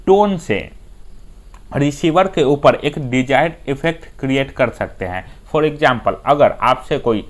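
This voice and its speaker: Slow, deliberate Indian tutor, man. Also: mid-range voice. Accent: Indian English. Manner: unhurried explainer who often starts with "dekhiye". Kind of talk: exam-prep lecture, reading English points slowly then explaining in Hindi.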